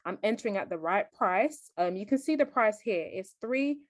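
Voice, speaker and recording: A woman's voice: mid-range voice, expressive, normal speed, no room sound. Woman narrating a screen recording. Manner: explanatory, keeps checking in with "okay?". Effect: voice-over on a screen recording. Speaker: trading tutor. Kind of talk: live tutorial narrated over a screen recording.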